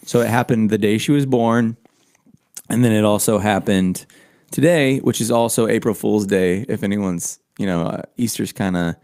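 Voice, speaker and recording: Man, podcast co-host, laid-back rambling chat, gravelly, dry close mic. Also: fairly low pitch, moderate pace, darkish tone, no echo. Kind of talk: casual chat.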